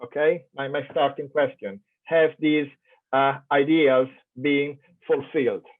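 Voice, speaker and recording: With a fairly high, steady voice, an Italian man gives an unhurried academic keynote in an Italian accent. He's thoughtful, frequently using fillers and starting over. The audio, from an online conference call, has a tinny phone quality.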